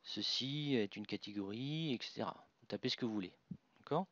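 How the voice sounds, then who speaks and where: A man presents a software tutorial, talking through each click on his screen with fillers and restarts. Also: fairly low pitch, fairly quick, dry recording. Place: at a computer. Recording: dull, dry voice-over with mouse clicks.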